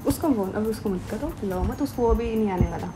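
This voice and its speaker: A woman's voice: mid-range voice, fairly quick, reverberant, music in the background. A woman pranking a friend, talking in a pushy, playful, pleading way. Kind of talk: improvised prank video.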